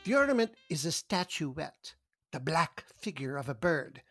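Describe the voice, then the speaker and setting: A woman playing a small, polite but menacing male Greek crook in a 1940s-style radio drama, speaking formally and haltingly. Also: low-pitched, very animated, a bit bright, soft background music, heavily acted. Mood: oily, courteous. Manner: formal, halting, fussily courteous.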